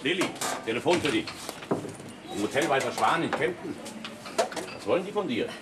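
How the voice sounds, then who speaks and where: A man's voice: mid-range voice, sing-song, moderate pace, lightly acted. An actor playing a middle-aged innkeeper and father who scolds his grown daughter, in a 1960s TV drama. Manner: gruff, scolding. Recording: old TV soundtrack with faint hiss.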